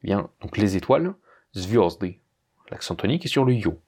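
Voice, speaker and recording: A man's voice: fairly low pitch, very animated, quick pace, creaky, darkish tone, husky. A man teaching a language lesson, explaining a rule patiently and speaking straight to the learner. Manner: patient, addresses the learner directly.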